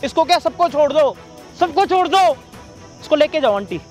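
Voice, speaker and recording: A man playing a hot-tempered, high-voiced young bully. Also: animated, normal speed, soft background music. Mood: pleading. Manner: shouting, taunting, rough. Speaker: young man confronting a scammer. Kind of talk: staged confrontation skit.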